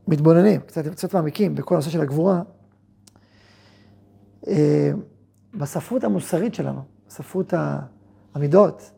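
Teaching Torah to his students, this rabbi and yeshiva head plays both parts in imagined exchanges, firing quick rhetorical questions and then explaining in a gentler tone. His gravelly voice is on the high side with a breathy edge.

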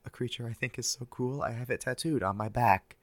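An older man hosting an ASMR podcast, speaking softly and whispering close into the ear in a wry, deadpan ramble. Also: mid-range voice, fairly quick, dry recording. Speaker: podcast host. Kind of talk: soft ASMR podcast monologue.

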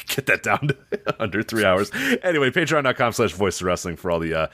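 A man with a deep voice co-hosts a casual podcast. He is flippant and easygoing, with lively swings in intonation and a brisk pace. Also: dry recording. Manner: flippant, easygoing, chuckles between remarks. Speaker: podcast co-host.

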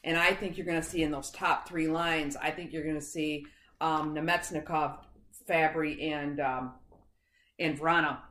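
A woman's voice: deep voice, steady tone, unhurried, fairly bright tone, roomy sound, slight background noise. A woman co-hosting a casual sports podcast, chatty, interrupting herself and laughing easily. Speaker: podcast co-host.

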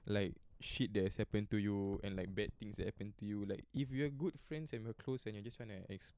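A man's voice: on the low side, steady tone, a little fast, a little mellow, clean tone. A young man with a Singaporean accent talking casually in Singlish as a podcast co-host. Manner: colloquial Singlish with lah and sia particles. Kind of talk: casual chat.

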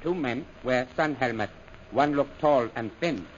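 An actor playing a meek, servile camp sentry in an old radio serial, speaking in clipped broken phrases. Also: male voice, mid-range voice, unhurried, lightly acted. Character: meek, frightened male native sentry, servile. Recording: dull, noisy old radio recording.

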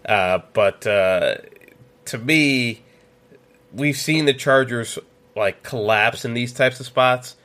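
A man's voice: mid-range voice, takes it slowly, bright, forceful tone. A man hosting a solo sports podcast, giving opinionated betting picks in a casual way with lots of fillers and restarts. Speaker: podcast host.

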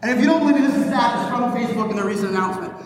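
A man in his thirties from Pittsburgh giving an energetic conference keynote with punchy jokes, recorded on a phone from a stage in a large hall. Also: extremely high pitch, recorded from a distance, slight background noise. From Pittsburgh, Pennsylvania, USA. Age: 30s. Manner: fast, punchy, joking with the crowd. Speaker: keynote speaker.

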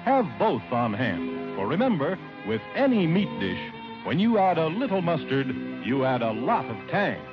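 A fairly high-voiced man pitching a product in a lively, persuasive 1940s ad read. The sound is dull and lo-fi, like an old broadcast disc, with music clearly underneath. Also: moderate pace. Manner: bright, persuasive sales delivery. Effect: old broadcast transcription disc. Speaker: commercial announcer. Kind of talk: 1940s radio commercial.

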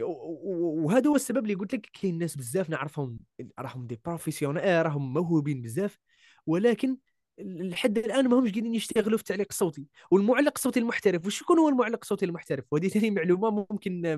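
Voice-over artist guest, Algerian man, rapid emphatic chat, a touch high. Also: lively intonation, a little mellow, no room sound, clean studio sound. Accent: Algerian Arabic. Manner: emphatic, repeats key words, mixes in French and English. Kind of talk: casual interview chat.

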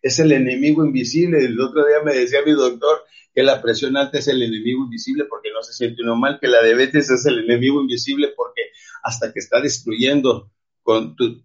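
A man's voice: medium pitch, breathy edge. A man from Mexico, giving an emphatic, preachy motivational talk to his audience. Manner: emphatic and preachy, often calls listeners "champions". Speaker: motivational speaker. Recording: dull lo-fi recording.

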